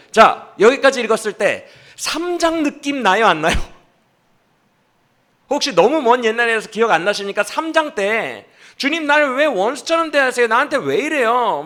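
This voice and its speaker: A male pastor preaching a sermon at a church service, animated and asking the congregation questions as he acts out the speaker's complaints. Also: sits high.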